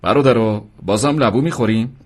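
A man's voice: mid-range voice, husky, lightly acted. A man voicing a cheerful, humble street vendor who jokes with his customers. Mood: friendly. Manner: slow, friendly, joking.

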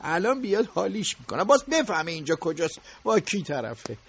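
High-pitched, bright, bossy factory owner. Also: male voice, big pitch swings, vocal fry, breathy edge, full character voice. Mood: brooding. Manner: bossy, quick-tempered, sarcastic. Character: domineering middle-aged male factory owner. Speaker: factory boss. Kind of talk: audiobook radio drama acting. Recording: dull lo-fi recording.

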